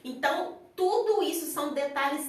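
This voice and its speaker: A Brazilian woman with a Brazilian Portuguese accent, a psychologist co-hosting a live chat, lays out her points in an easy conversational way. Her voice is high for a woman. She is heard from well off the microphone, with heavy echo around her. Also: moderate pace. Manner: explanatory, conversational. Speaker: psychologist, co-host. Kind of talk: live-stream chat on public speaking. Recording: very echoey room, far from the mic.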